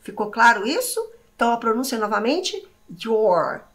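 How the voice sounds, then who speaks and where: A woman's voice: a little high, moderate pace. A Brazilian woman in her forties teaching an English lesson online, talking chattily and directly to her students. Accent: Brazilian Portuguese. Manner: lively, chatty, talks straight to her students.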